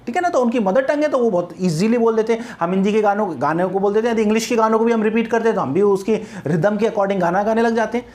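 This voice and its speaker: A woman with a medium-pitched, darkish voice teaches an exam-prep poetry lesson, mixing English terms into her explanation. She repeats herself, poses rhetorical questions, often says "ठीक है ना?", and drills patterns by counting out stress beats.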